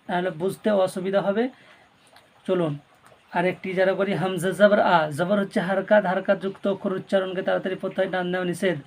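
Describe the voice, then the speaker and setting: Gravelly guy teaching quran reading, drills syllables slow and repeats them, explains rules softer and faster. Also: high voice. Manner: spells letters and vowel marks slowly, repeating each word; explains rules quickly and softly between drills. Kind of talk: slow drilled recitation lesson, spelling out syllables.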